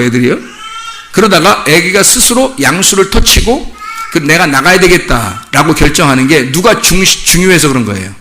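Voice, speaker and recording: A middle-aged male pastor giving a sermon, telling stories animatedly and putting questions to the congregation. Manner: animated storytelling, acts out children's voices in high pitch.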